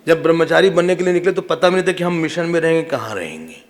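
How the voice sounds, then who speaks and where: A man who is a swami, giving a devotional sermon and telling sacred stories in a lively, humorous way, acting out the quotes. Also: a little high, fast. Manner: animated, humorous, acts out quotes. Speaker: swami, spiritual teacher.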